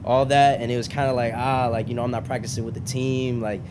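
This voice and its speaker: A man's voice: medium pitch, level tone, quick pace. Frat-bro young man, noisy podcast chat. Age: young adult. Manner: frat-bro slangy talk, peppered with bro and man. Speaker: podcast host.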